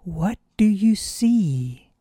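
A woman voicing a menacing hawk that lurks as a shadow, in a hushed, rasping whisper. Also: medium pitch, expressive, extremely slow, no echo, studio quality, exaggerated voice.

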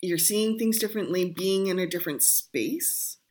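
A woman's voice: on the low side, normal speed, darkish tone. Woman radio host, casual chatty interview, musing questions, playful asides.

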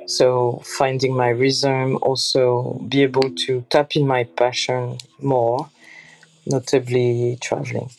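A woman's voice: a bass voice, level tone, takes it slowly, gravelly, darkish tone, poor audio. A woman in her thirties from France, speaking English with a French accent as a podcast guest and piecing her sentences together loosely as she goes. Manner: loose, unpolished phrasing as she thinks aloud. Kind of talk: casual interview talk.

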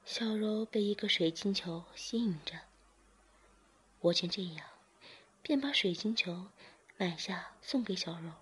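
Female narrator for a whispered story; hushed, airy voice, unhurried delivery. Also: medium pitch, husky. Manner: slow, hushed reading.

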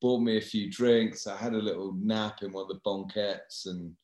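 A man's voice: lowish voice, level tone, normal speed, a little mellow. A man with an English accent telling a story in casual chat, in a dry, self-mocking way. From England. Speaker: guest. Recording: echoey room.

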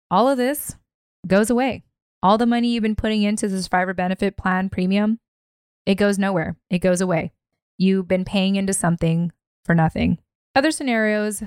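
Low-voiced woman, deliberate podcast host. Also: darkish tone, clean tone, no room sound, studio quality. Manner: deliberate, emphatic, occasionally sarcastic. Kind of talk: explanatory podcast monologue.

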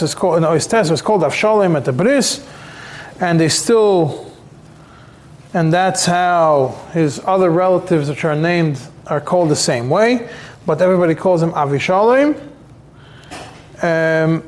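A somewhat high-voiced man leads a religious text class. He speaks haltingly, circling back and repeating words and fillers as he works through each point. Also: a little mellow. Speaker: rabbi teaching a Talmud class. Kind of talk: explaining halachic texts to a class.

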